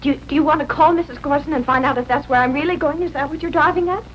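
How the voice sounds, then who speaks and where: A woman's voice: high-pitched, racing, close to an everyday voice. Brief: woman as troubled young housewife, 1950s television drama, guarded, hesitant, earnest, old noisy soundtrack. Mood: defensive. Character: anxious, guarded young wife and mother hiding trouble. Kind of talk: 1950s TV broadcast drama acting.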